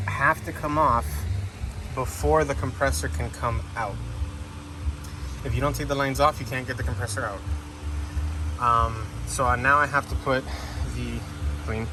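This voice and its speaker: Man talking loudly over a running fan. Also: medium pitch, background noise. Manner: plain, practical, explains step by step. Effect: talking loudly over a running fan close by. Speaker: home car mechanic. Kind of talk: casual DIY repair walkthrough. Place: outdoors by a car in hot weather. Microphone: camera left recording nearby.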